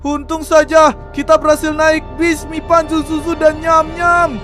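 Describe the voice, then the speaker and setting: Very high, excitable male game narrator. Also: unhurried, soft background music. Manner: excitable, keeps addressing viewers as guys. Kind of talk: panicky role-play game narration.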